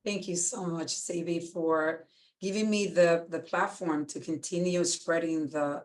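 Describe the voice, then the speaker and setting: A middle-aged woman, a guest earnestly telling her own story in a measured way. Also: low-pitched. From Dominican Republic. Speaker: guest, medical center CEO. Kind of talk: personal testimony in a podcast interview.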